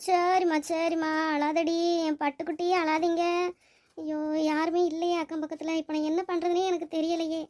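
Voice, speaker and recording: A woman's voice: extremely high pitch, mellow. A woman voicing a young woman who took in a crying baby, fretful and pleading as she talks to herself. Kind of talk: cartoon voice acting.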